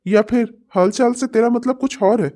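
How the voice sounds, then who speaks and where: A woman's voice: on the high side, moderate pace, warm tone, lightly acted. A woman voicing a smug, mocking man in a cartoon comedy who taunts his rival and later rages at his wife. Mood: taunting. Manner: mocking and sly, sneering. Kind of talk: Hindi cartoon comedy voice acting.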